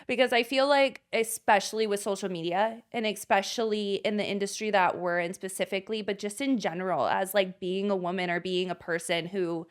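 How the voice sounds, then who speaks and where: A young woman co-hosting a casual podcast, chatty and animated, laughing often as she retells stories. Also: medium pitch, brisk, hardly any pauses. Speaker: podcast co-host. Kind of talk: casual chat.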